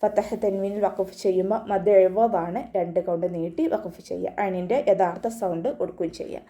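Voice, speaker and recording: A woman teaching an online Quran recitation class, patiently explaining each sound step by step and chanting sample verses slowly in between. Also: lowish voice, steady tone, dark tone. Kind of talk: online tajweed lesson.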